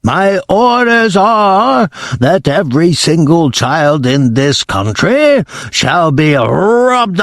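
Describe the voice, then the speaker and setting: A man reading aloud and voicing a tyrannical female witch leader who screams slowly in stiff, clipped phrasing. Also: fairly high pitch, fairly bright tone, dry recording, pitched above the performer's own voice, exaggerated voice. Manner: slow, screaming, clipped foreign-sounding syntax.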